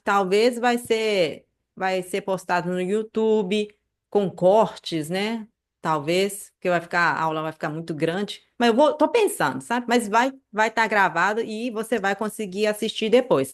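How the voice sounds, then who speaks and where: Chatty woman teaching a class. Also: medium pitch. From Brazil. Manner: chatty, many fillers like "né" and "tá", animated asides. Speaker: Japanese language teacher. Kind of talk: live online class, casual explanation.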